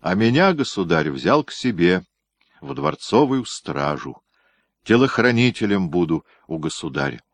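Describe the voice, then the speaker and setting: A man's voice: low voice, very animated, unhurried, creaky, no echo, heavily acted. A man voicing Ignatiy, a sturdy, devoted young guardsman speaking eagerly in a storybook reading.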